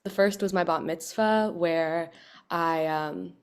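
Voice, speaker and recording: Lower-voiced young woman telling her story. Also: slow, clean tone. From Southern California. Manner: warm, personal storytelling with light humor. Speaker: rabbinical student panelist. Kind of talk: panel talk.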